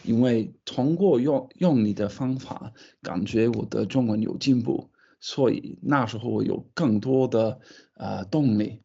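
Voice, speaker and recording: A foreign man with English as his first language speaks accented Mandarin in an interview. His voice is low-key and mellow with a gravelly creak, and he feels his way through sentences, repeating words. The audio is slightly dull and lo-fi. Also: measured pace. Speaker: language student being interviewed. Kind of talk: casual interview in a second language.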